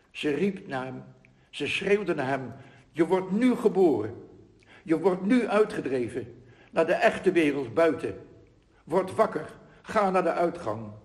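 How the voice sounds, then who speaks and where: Man with a slightly high voice, reflective teacher reading aloud to a group, slow and earnest, roomy echo. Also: a little mellow. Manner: slow, earnest, with frequent pauses and tag questions. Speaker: spiritual teacher addressing a group. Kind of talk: reflective talk with read-aloud passages.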